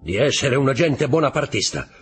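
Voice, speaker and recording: A man's voice: medium pitch, big pitch swings, moderate pace, soft background music, voice pushed up, close to an everyday voice. A man voicing a grave, worried male shipowner with a raised, earnest delivery in a storybook reading. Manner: earnest, urgent.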